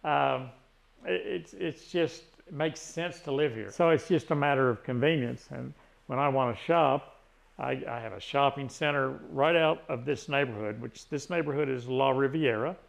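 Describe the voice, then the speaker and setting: Speaking at a normal speed with a medium, creaky voice, this Tennessee man in his sixties vlogs in retirement. His casual chat wanders, with frequent restarts and filler words.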